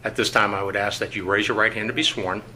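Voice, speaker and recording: A male investigator reading formal procedure in a measured, bureaucratic way, with many "uh"s, heard on an old recorded interrogation tape from a conference room. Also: lowish voice, level tone, sharp tone, slight background noise. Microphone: tabletop recorder.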